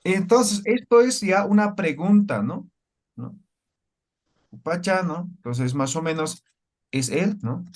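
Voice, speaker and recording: A man teaching a language class in a fairly high voice. He walks through each point slowly and keeps tossing short checking questions to his students. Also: lively intonation. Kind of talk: classroom lecture.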